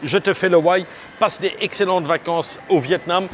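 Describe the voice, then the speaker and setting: Here a travel vlogger with a high voice keeps a steady tone and normal speed as he strolls a bustling seaside street outdoors. Chatty and direct, he addresses viewers in a rambling way full of fillers and restarts, while traffic and street sounds carry on behind him.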